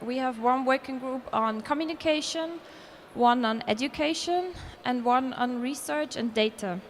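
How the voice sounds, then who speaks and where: Speaking at a normal pace in a conference hall, a high-voiced woman from Austria gives an earnest presentation marked by restarts and self-corrections. A little background noise is audible.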